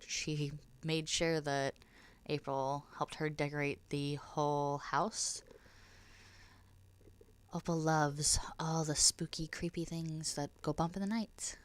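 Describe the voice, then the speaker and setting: A woman with a low voice, made nasal by a cold, chats her way through a life-simulation game. Her talk is casual and rambling, and at times it drops to a soft, breathy tone. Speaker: gameplay narrator.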